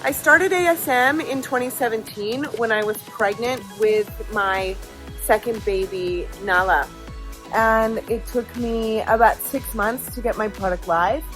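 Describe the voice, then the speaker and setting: A woman from Chicago giving a relaxed testimonial about her business. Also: a little high, a little slow, soft background music. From Chicago, United States. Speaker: customer testimonial. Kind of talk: testimonial interview.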